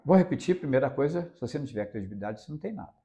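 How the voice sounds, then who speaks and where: Animated gravelly Brazilian radio reporter. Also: male voice, medium pitch, racing. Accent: Brazilian Portuguese, Minas Gerais. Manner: animated, emphatic, repeats phrases for stress. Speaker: radio reporter, interview guest. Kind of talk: casual interview storytelling.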